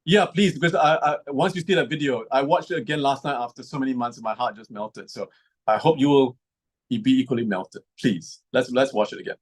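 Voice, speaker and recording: A man with an ordinary, mid-range voice hosts a video call, eager and quick to repeat his words. He sounds pleased and ready to take questions, speaking through a computer mic. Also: mid-range voice, husky. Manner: eager, repeats himself when excited. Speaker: lead ambassador hosting a video call. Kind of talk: casual video call talk.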